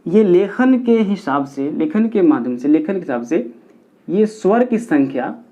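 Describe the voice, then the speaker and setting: A man's voice: high-pitched, very animated, a little slow, mellow. A man teaching a grammar lesson at a board, counting aloud step by step and repeating key points for his pupils. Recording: dull lo-fi recording.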